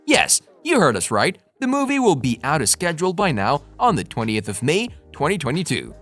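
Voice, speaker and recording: A man's voice: mid-range voice, a bit bright. A man reading a scripted movie-news narration as the narrator. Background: faint music.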